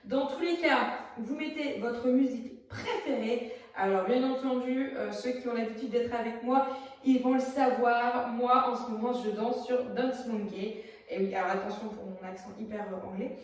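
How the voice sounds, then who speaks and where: Her voice a little high and at normal speed, this drama teacher chats through a casual video lesson, hesitating often and showing things as she goes. The phone camera sits far off, and the room echoes heavily.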